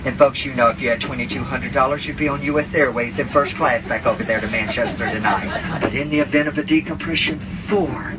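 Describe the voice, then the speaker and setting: A man's voice: mid-range voice, a little fast, hardly any pauses. A man working as a flight attendant, giving a comedic, campy safety announcement with theatrical patter over an airplane cabin PA. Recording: noisy aircraft cabin PA, distant from mic. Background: aircraft cabin noise.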